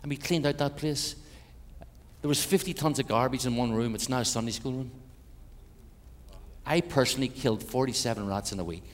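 An older man with an Irish accent, a missionary preacher telling animated, joking stories in a sermon to a congregation. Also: medium pitch, brisk. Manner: animated, jokey storyteller. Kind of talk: storytelling sermon. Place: church hall with a congregation. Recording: echoey hall, faint ambience.

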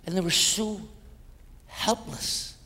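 An older man with an Irish accent, a missionary preacher telling animated, joking stories in a sermon to a congregation. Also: high voice, slow. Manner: animated, jokey storyteller. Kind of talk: storytelling sermon. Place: church hall with a congregation. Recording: echoey hall, faint ambience.

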